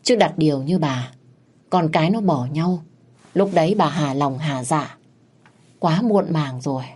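A woman's voice: low-pitched, unhurried, darkish tone, breathy edge. Woman reading a reproachful old husband.

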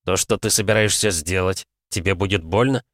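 An earnest young sailor, voiced by a man narrating, pleads in a low, close, dry voice. He sounds sincere and a little pained. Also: a little fast, fairly bright tone, dry recording. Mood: pleading.

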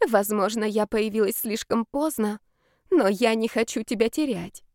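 A woman reading an audiobook voices an anxious, tearful young woman who pleads softly and trembles. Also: mid-range voice, wildly swooping pitch, measured pace, creaky, dry recording, clean studio sound, full character voice. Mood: pleading. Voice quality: trembling, soft.

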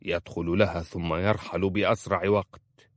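Man doing a stern old bedouin sheikh, curt and commanding, very deep voice. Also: level tone, moderate pace, dry recording, clean studio sound, natural voice.

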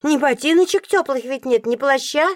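A woman's voice: high voice, normal speed, no room sound, studio quality, pitched above the performer's own voice, natural voice. A woman voicing a fussy old landlady, fawning and sugary with guests and grumbling otherwise, in an audiobook. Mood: sugary fussing. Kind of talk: audiobook character voice.

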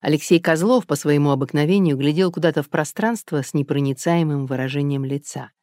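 Low-voiced woman narrating an audiobook. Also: fairly quick, darkish tone, dry recording, clean studio sound.

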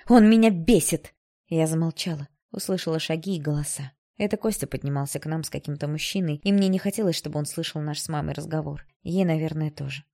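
Low, mellow woman narrating an audiobook. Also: fast, vocal fry, hardly any pauses. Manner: expressive, emotional storytelling. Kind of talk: first-person audiobook narration.

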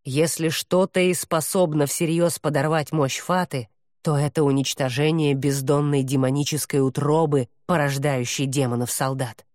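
A woman's voice: fairly even intonation, moderate pace, a little mellow, no room sound, clean studio sound, lightly acted. A woman voicing a growling scornful demon. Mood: cold. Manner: low, growling and contemptuous. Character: proud scornful male demon, menacing, growling.

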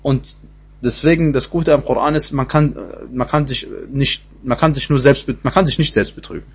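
A man giving a spoken lesson in Quran commentary, repeating himself with many fillers and restarts, and slowing into chant-like Arabic phrases. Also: medium pitch, steady tone, breathy edge. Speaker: Quran teacher. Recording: dull lo-fi recording.

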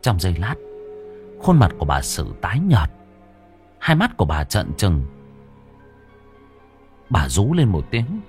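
A man narrating a ghost story in a dramatic, lively storytelling manner. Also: deep voice, measured pace, long pauses, faint music behind.

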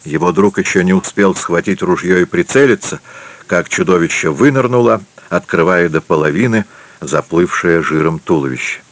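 Man, audiobook narrator, low voice, measured reading, dry sound. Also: animated, no room sound. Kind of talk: scripted narration.

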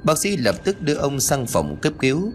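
A man narrating a ghost story in an expressive, dramatic storytelling manner. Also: fairly high pitch, normal speed, soft background music.

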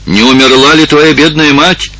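A man's voice: on the low side, animated, measured pace, husky, full character voice. A man voicing a kind and earnest young woman, a village elder's daughter, in an audiobook. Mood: earnest, concerned. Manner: warm, earnest, emotional.

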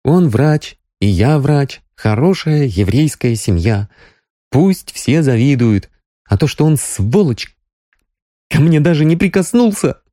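A man voicing a tearful, spirited young woman doctor in an audiobook, his voice pushed up high and emotional. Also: animated, takes it slowly, dark tone, no echo, studio quality. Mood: bitter. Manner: raised falsetto-like voice, sobbing, emotional. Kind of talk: audiobook character reading.

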